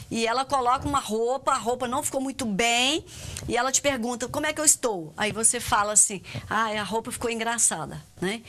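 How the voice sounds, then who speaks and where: A woman's voice: fairly high pitch, bright, forceful tone, a little hiss or hum. A Brazilian woman giving a recorded university lecture, explaining step by step and checking in with "né?" and "certo?". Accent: Brazilian Portuguese. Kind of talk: recorded distance-learning lecture.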